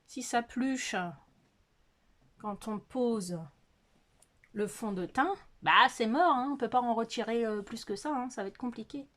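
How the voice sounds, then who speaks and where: A middle-aged woman with a fairly high, fairly bright voice speaks at a measured pace while casually doing a makeup tutorial in her bedroom. Filmed on a phone, this beauty vlogger hesitates, fills gaps with fillers, and laughs at herself.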